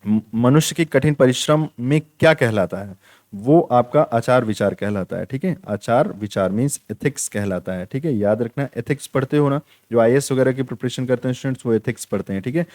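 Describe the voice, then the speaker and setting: A man's voice: medium pitch, normal speed, darkish tone, no room sound, studio quality. A young man teaching an online exam-prep lesson, repeating key points and checking in with his students again and again. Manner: repetitive, drills points with "theek hai".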